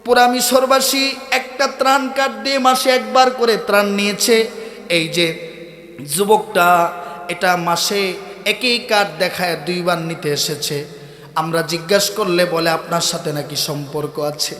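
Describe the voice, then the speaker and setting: A man preaching, voicing townspeople who loudly accuse a young man. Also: high voice, fairly even intonation, unhurried, voice pushed down. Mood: accusing. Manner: shouting, accusing. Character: angry crowd of townspeople, accusing. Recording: echoey hall over loudspeakers.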